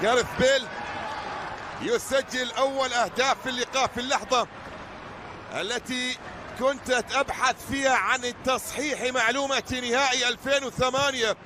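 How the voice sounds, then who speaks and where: A man giving excited live commentary on a football match. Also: very high-pitched, a little fast. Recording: noisy stadium broadcast with crowd. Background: stadium crowd.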